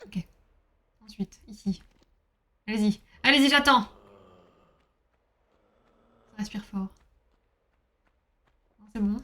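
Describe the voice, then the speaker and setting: A woman's voice: medium pitch, level tone, takes it slowly, pauses often, warm tone. A woman streaming a game, chatting casually with her viewers, reading their messages aloud and bursting into exclamations.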